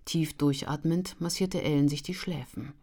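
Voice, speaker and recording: A woman reading a novel aloud in a calm, even narrating voice. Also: low voice, moderate pace. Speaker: audiobook narrator. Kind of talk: scripted narration.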